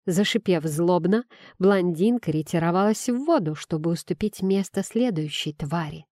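A woman reading a first-person fantasy audiobook in an expressive storytelling manner. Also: lowish voice, moderate pace, no room sound, clean studio sound. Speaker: audiobook narrator.

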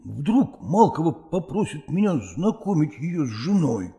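A man's voice: on the high side, very animated, unhurried, mellow, breathy edge, voice pushed down, full character voice. A man reading a story aloud, voicing an actor husband who placates his jealous wife, fibs and makes excuses. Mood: annoyed. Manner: soothing, hesitant, excuse-making. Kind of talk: audiobook character voice.

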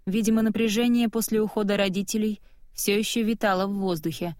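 A woman reading a first-person novel aloud in a steady, measured way. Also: mid-range voice, no echo, studio quality. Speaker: audiobook narrator. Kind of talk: first-person scripted narration.

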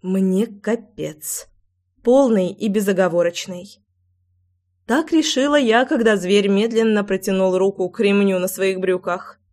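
A woman's voice: medium pitch, unhurried, darkish tone. A woman reading a first-person story aloud as an audiobook narrator, with a wry, breathless inner monologue.

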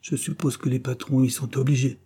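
A man voicing a calm, reasonable glove worker in a storybook reading. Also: mid-range voice, fairly quick, husky, voice pushed up, lightly acted.

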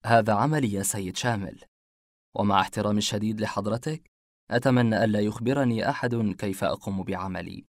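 A man voicing a calm, confident male police officer in a spoken detective story, questioning witnesses in a measured way. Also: fairly low pitch, no room sound, clean studio sound, natural voice. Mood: probing.

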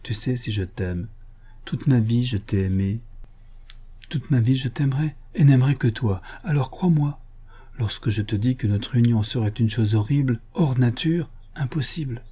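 A man reading aloud voices an anguished young woman who pleads in a trembling, breathy hush. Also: mid-range voice, normal speed, close to an everyday voice. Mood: pleading anguish. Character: anguished young woman bride, fearful and torn.

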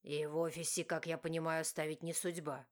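A woman voicing a curt, commanding young husband in an audiobook, with a gruff, clipped delivery. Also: low-pitched, level tone, brisk, pitched below the performer's own voice, lightly acted. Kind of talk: audiobook narration.

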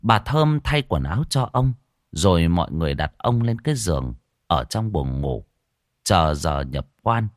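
A man's voice: low-pitched, unhurried, dry recording, clean studio sound. A man narrating a horror story as an audiobook reader. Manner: expressive storytelling.

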